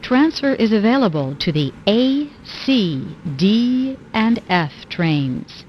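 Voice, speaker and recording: A woman's voice: medium pitch, sing-song, slow, a little hiss or hum. A woman reading scripted automated subway stop announcements in clipped, pieced-together phrases. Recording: dull, lo-fi announcement audio.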